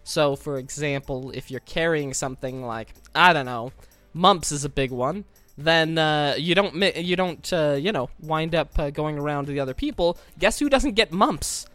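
A man's voice: fairly high pitch, normal speed, a bit bright, dry recording, soft background music. A man co-hosting a podcast with wry, wordy, mock-formal storytelling, under the weather with a scratchy throat. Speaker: podcast co-host. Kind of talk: casual comic storytelling on a podcast.

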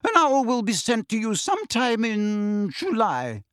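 Man doing a strict older lady professor, clipped and severe, pitched way up. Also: wildly swooping pitch, a little slow, fairly bright tone, no echo, clean studio sound, exaggerated voice. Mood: stern.

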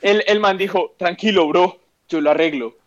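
A man's voice: high-pitched, moderate pace. A young man telling a story to friends in casual chat, acting out quotes and swearing freely. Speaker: podcast co-host. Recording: dull lo-fi sound.

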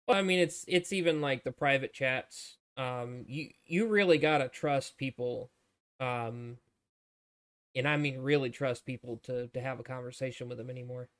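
A man's voice: medium pitch, normal speed, a bit bright, no echo. A man talking casually on a podcast, emphatic and often repeating words as he restarts. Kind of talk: casual chat.

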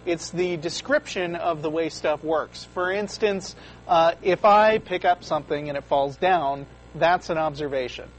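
A young man co-hosts a call-in show from a studio, explaining ideas casually in a slightly high voice. His speech is halting, full of fillers and restarts, and the rough recording carries a little background noise.

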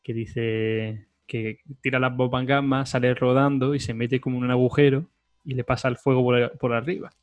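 A man's voice: mid-range voice, little pitch movement, normal speed, dry recording, lo-fi sound. A man in casual film chat, chatty and laughing as he retells movie lines.

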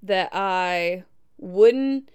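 A woman in her twenties from Milwaukee, hosting a podcast in a casual, animated way and laughing often. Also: medium pitch, drawn-out words, smooth. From Milwaukee, USA. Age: 20s. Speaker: podcast host. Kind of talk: casual reflective podcast talk.

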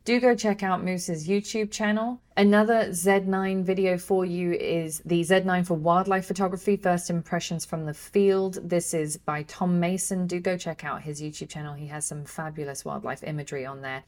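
A woman's voice: fairly low pitch, fairly even intonation, normal speed, few pauses, darkish tone. A woman co-hosts a photography news podcast, presenting reviews and channel tips. Her delivery is cheerful and courteous, with frequent light laughter. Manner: cheerful, polite, laughs easily. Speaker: podcast co-host. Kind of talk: casual news chat.

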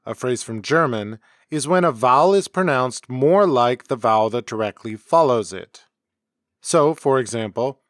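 Man reading a measured language lesson. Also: mid-range voice, no echo, clean studio sound. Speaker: podcast host. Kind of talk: scripted educational narration. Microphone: close home mic.

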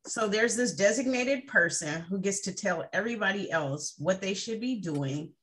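A woman co-hosting a podcast talks in a blunt, emphatic way and swears freely. Her pitch swings widely as she makes her points in casual chat. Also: animated, normal speed, fairly bright tone. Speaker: podcast co-host.

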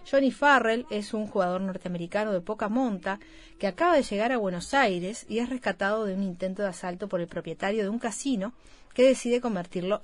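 Female film show co-host, mid-pitched, descriptive read with small hesitations. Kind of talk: reading film summaries and chat.

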